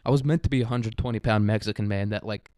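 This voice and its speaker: A young American man hosts a solo podcast, rambling in a casual, comedic, crude and irreverent way and chuckling often as he talks. His voice is fairly low and darkish, his pace fast, and the studio-quality recording has no room sound.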